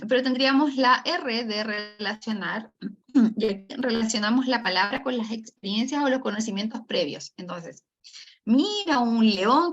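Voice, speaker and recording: A woman's voice: mid-range voice, vocal fry, fairly bright tone. A woman speech therapist, giving an online lecture, explaining step by step with many fillers and tag questions. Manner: acts out storytelling examples for children. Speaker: speech therapist teaching a course. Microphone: video call. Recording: dull lo-fi video call audio.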